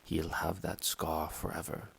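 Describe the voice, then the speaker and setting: A man voicing an old, wise male headmaster who talks in a calm, measured way. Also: a bass voice, vocal fry, slight background noise, heavily acted.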